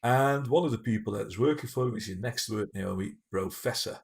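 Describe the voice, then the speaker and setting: A man with a Dutch accent co-hosting a casual livestream, jokey and teasing, with quick asides. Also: on the low side, creaky, a little mellow. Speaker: library livestream co-host. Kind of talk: casual chat.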